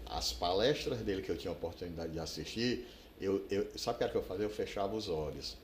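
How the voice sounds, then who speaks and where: Lively, musing talk-show host. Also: male voice, low voice, fast talker. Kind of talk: casual interview chat. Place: TV studio. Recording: roomy studio with faint noise.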